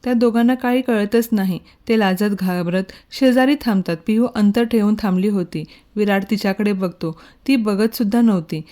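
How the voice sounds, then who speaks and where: A woman narrating a romantic story in a calm, even storytelling manner. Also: medium pitch, moderate pace, few pauses. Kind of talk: scripted narration.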